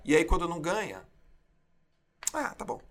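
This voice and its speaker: A man's voice: fairly high pitch, normal speed. A man in his forties, a former swimmer, telling stories in a casual interview and acting out the voices of people he quotes. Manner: animated storyteller, acts out quotes.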